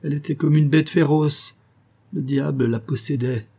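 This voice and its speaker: A man's voice: mid-range voice, moderate pace, mellow, husky. A man reading an audiobook, voicing a frantic old woman innkeeper who pleads between sobs. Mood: frantic pleading. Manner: pleading, sobbing outbursts.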